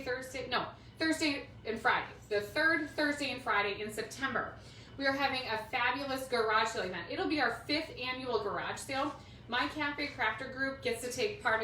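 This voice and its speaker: A pushed, bright voice on the high side belongs to a middle-aged Minnesotan woman, accent and all, who rambles in casual chat as she hosts a craft livestream for her audience. She's at home indoors in a roomy space, recorded through a distant mic that gives a roomy sound with faint noise.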